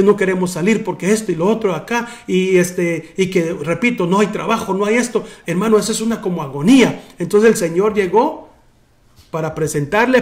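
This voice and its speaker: A man pastor preaching a sermon, often calling out "brother" and dropping soft and low for emphasis. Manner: preaching with repeated "hermano" and restarts.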